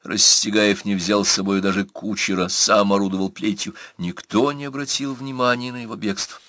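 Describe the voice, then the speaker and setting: A man reading an audiobook in scripted narration, with an even, measured delivery. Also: fairly low pitch, no room sound, clean studio sound. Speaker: audiobook reader.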